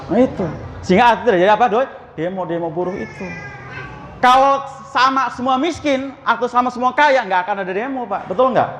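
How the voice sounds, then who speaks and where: A man's voice: extremely high pitch, animated, fairly quick, a bit bright, long reverb tail. A man preaching in a mosque. He talks in a chatty way, asks the congregation questions and acts out the dialogue of the people in his story. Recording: slightly dull, faintly noisy.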